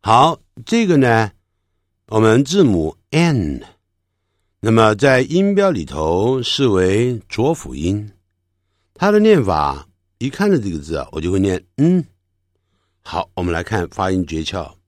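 A man's voice: on the low side, wildly swooping pitch, a little slow, dry recording, clean studio sound. A man teaching English pronunciation, patiently explaining and drawing out sounds to demonstrate them. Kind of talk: classroom lesson.

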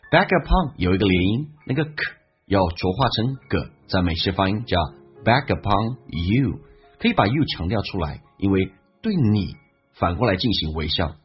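A man teaching English pronunciation and listening, explaining how words link and repeating phrases slowly as models. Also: fairly low pitch, very animated, husky. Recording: dull lo-fi sound with faint background music.

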